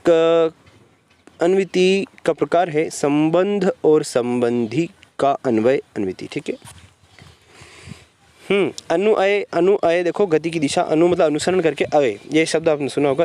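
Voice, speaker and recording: Grammar teacher, male, fairly high voice, patient lecture pacing, keeps checking in with "okay". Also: a little mellow. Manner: explains step by step, asks and answers his own questions, repeats "ठीक है". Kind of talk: classroom-style grammar lecture.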